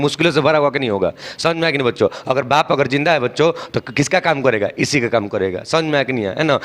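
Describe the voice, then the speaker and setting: A man's voice: medium pitch, a bit bright. A man teaching chemistry in a call-and-response style, often asking a question and answering it himself and checking whether students understood. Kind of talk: call-and-response classroom lecture.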